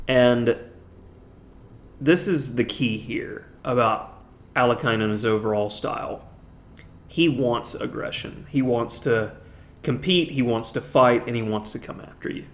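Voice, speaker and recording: A man teaching chess, talking through a classic game move by move. His voice sits at a middle pitch, and he draws out the words he wants to stress with open enthusiasm. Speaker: chess instructor. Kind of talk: narrated chess game analysis.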